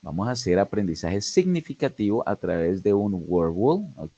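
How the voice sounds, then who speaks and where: Man, pronunciation tutor, very low voice, dull dry lo-fi recording. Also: sing-song, normal speed, warm tone, no echo. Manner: guiding learners with frequent check-ins. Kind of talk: online lesson narration.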